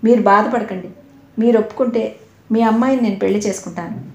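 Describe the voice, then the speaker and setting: A man's voice: sits high, fast talker, muffled recording. Woman voicing an earnest young suitor, pleading, storybook reading, roomy echo.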